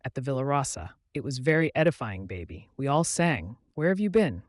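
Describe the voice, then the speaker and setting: A man's voice: medium pitch, big pitch swings, fairly quick, dry recording, clean studio sound, close to an everyday voice. A man doing a brash, teasing army officer.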